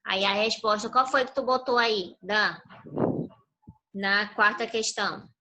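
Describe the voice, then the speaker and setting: A woman's voice: mid-range voice, a little slow, pushed and bright, rough recording. A woman teacher giving a patient online review class to young children over a video call, prompting them with fill-in questions.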